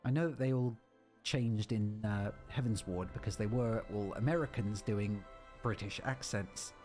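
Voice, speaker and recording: A man's voice: on the low side, moderate pace, a little mellow. A man streaming a game, giving casual, chatty commentary with rambling asides. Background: game music.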